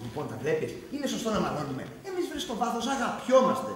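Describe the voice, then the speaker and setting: An actor playing a flippant, teasing husband in a stage comedy, talking in a breezy, mock-reasonable way. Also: male voice, sits high, wildly swooping pitch, crowd noise. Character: flippant, charming husband who is leaving his wife. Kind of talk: theatrical stage acting. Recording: very echoey stage, mic far off.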